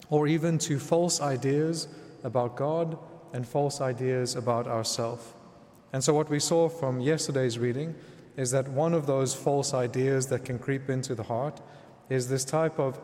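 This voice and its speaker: A male priest delivers scripture and homily in a measured, reflective way. His voice sits at a medium pitch. Long cathedral reverberation trails each phrase, as in a large church. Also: darkish tone. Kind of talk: Gospel reading and homily.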